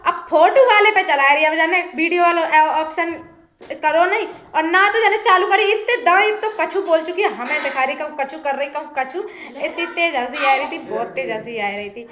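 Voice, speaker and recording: Filming a home vlog on her phone camera, indoors and out, a woman chats loudly and cheerfully with viewers she treats as friends, often bursting into laughter. Her voice is high, at a normal speed, with a slight hiss or hum in the recording.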